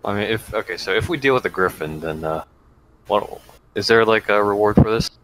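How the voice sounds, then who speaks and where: A man playing a tabletop game talks casually in a fairly low voice. He halts and restarts as he thinks aloud. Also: fairly bright tone, low-quality recording. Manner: hesitant, halting. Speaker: player.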